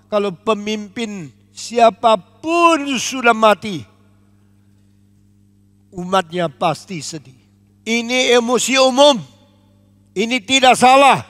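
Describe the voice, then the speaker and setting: An older man from Indonesia preaching a sermon as pastor, emphatic and deliberate, switching at times into English. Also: very high voice, lively intonation, a bit bright. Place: large church auditorium. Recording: long echo of a large church hall.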